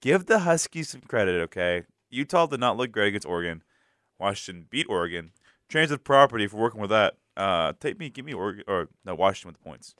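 A man's voice: on the low side, big pitch swings, fast, a bit bright, dry recording. A young man from the American South co-hosting a college radio sports show, joking and emphatic as he makes his picks in a studio. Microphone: studio microphone.

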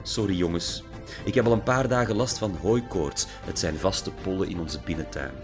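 A man voicing an overly emotional grown man in an audiobook, in a whiny, sobbing, raised voice. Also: moderate pace. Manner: whiny, sobbing, high-pitched. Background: background music.

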